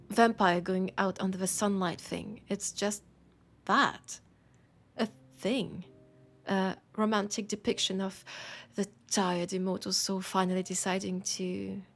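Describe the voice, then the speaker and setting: A woman with a French accent and a medium-pitched voice plays a warm, caring, teasing mortal bookseller who is fond of a vampire and worried about him, in an intimate roleplay audio. She speaks softly and hesitantly, gently teasing and unhurried, with pauses, in a wry, musing mood.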